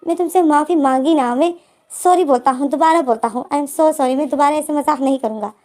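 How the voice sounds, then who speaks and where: Woman doing an upset young man in a storybook retelling, high and mellow, pleading; light acting. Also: fairly quick, natural voice. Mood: hurt, pleading. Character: young man, hurt and jealous lover.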